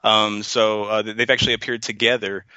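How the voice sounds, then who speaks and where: A man co-hosting a livestream, explaining points in a measured way with many fillers and pauses, over muffled audio. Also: lowish voice, level tone, pushed and bright, clear, resonant tone, no echo. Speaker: co-host. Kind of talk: casual livestream debate chat.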